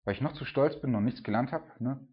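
Guy preaching a sermon, mid-pitch voice, keeps tossing in "ne?", kinda muffled lo-fi sound. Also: quick pace. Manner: informal, keeps adding "ne?", builds to loud cries when retelling the storm.

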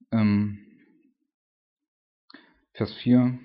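A man's voice: mid-range voice, highs cut off. A man preaching a conversational sermon, reading Bible verses and explaining them in an informal way with many fillers and tag questions.

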